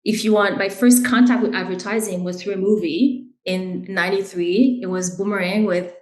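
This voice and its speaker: A woman's voice: medium pitch, fairly even intonation, normal speed, reverberant, poor audio. A woman who grew up in Haiti, the guest in an interview, explaining her work in an earnest, conversational way. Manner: earnest, explains with "right?" and "you know". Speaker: guest, brand director.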